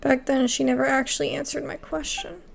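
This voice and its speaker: A woman's voice: high voice, fairly even intonation, brisk, creaky, slight background noise. A woman gaming video creator giving casual reaction commentary over gameplay.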